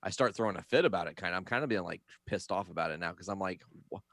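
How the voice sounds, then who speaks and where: A man's voice: low voice, very fast, no room sound, clean studio sound. A man co-hosting a podcast who tells a childhood story casually, swearing now and then. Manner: relaxed, swears casually, acts out quotes. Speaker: podcast co-host, parent.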